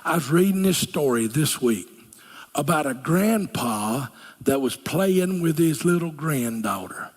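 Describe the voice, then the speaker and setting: A man's voice: a little high, animated, unhurried. An older man preaching a sermon as a pastor, folksy and earnest, dropping to a whisper for key lines. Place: church sanctuary. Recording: church hall reverb.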